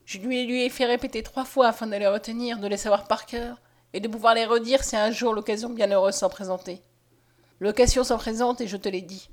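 A woman's voice: a little high, steady tone, brisk, natural voice. A woman voicing a hopeful, devout young peasant girl who speaks fervently and tenderly. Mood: earnest.

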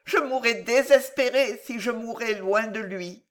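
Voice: mid-range voice, measured pace, pitched above the performer's own voice, lightly acted. A reader doing a fierce anguished young woman. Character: desperate young woman torn by forbidden love. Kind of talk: dramatic audiobook reading.

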